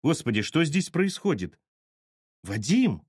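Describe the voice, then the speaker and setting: An exasperated young woman scolds and barks orders, as a male reader voices her. Her voice swings with lively emphasis. The reading is close and dry. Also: fairly high pitch, measured pace, husky, dry recording, voice pushed up, full character voice. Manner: scolding, exclamatory.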